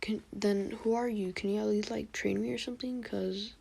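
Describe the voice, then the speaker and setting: A woman doing a small, scrawny four-year-old boy who speaks in a raised, shaky voice. He stammers and trails off, hushed and unsure of himself. She tells it as a fan story. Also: mid-range voice, steady tone, normal speed, creaky, husky, voice pushed up. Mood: timid. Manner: hesitant, stammering, soft.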